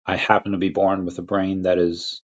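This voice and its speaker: A young man from Peru hosting a casual livestream chat, rambling and restarting his sentences, with quick laughs between thoughts. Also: deep voice, flat delivery. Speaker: crypto livestream host. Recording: lo-fi dull audio.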